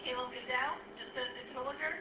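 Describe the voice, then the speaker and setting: High-voiced woman paging on a school intercom; distant, tinny loudspeaker with background hiss. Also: steady tone, brisk. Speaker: guidance office caller. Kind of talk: calling students to the office.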